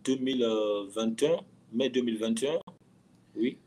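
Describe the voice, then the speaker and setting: This thirty-something footballer, interviewed as a guest, speaks at a normal speed in a medium-pitched, darkish voice with a breathy edge. He chats in a relaxed storytelling way, often doubling up words and phrases to stress them.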